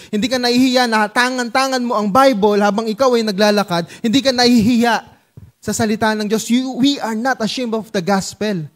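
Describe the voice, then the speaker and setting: High-voiced Filipino pastor preaching. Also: male voice. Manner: playful preaching in Taglish, acting out little scenes for the congregation. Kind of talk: sermon.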